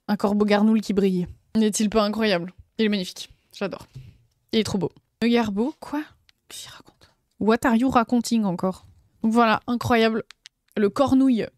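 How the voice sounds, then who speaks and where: A woman's voice: a little high, darkish tone, no room sound, studio quality. A young woman, chatting casually on a live stream and gushing over her convention finds with lots of fillers. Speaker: streamer showing convention purchases.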